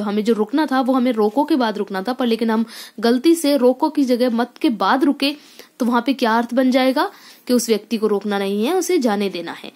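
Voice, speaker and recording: A woman teacher gives a grammar lesson to children, speaking in a somewhat high voice. She explains patiently, repeating each point and pausing on hesitant fillers as she works through examples. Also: darkish tone. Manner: addresses children directly.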